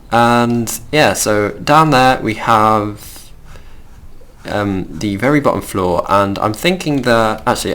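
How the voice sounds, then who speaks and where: Gravelly young Midlands man chatting. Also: lowish voice, a bit bright. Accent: Midlands English. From England. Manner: chatty, rambling, easily distracted. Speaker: gaming channel host. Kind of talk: casual game commentary.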